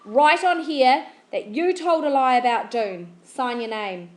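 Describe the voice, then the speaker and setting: A woman's voice: sits high, lively intonation, measured pace. A woman reading the part of a stern girl who scolds a boy firmly. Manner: firm, insistent.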